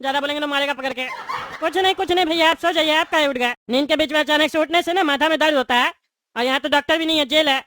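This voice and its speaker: A woman's voice: high voice, fast talker, fairly bright tone, dry recording. A woman voicing a bald male politician in jail, boastful but cowardly, in a comedy sketch. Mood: fawning. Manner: blustering then fawning.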